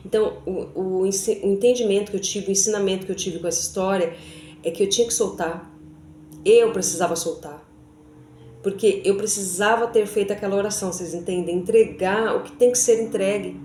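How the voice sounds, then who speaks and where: A woman tells her own faith story in a chatty, familiar way, always checking in with her listeners. Her voice sits at an ordinary middle pitch and rings around a roomy, echoey space, with a faint hiss underneath. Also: warm tone. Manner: chatty, keeps addressing viewers with tag questions. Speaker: vlogger giving a faith testimony. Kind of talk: personal testimony storytelling. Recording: echoey room.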